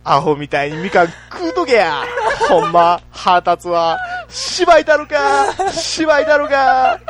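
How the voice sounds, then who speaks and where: A man voicing an irritable young male comedian who grumbles to himself in a Kansai accent, breaking into a shrill catchphrase. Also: big pitch swings, moderate pace. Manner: griping, with a shrill repeated catchphrase. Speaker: radio co-host.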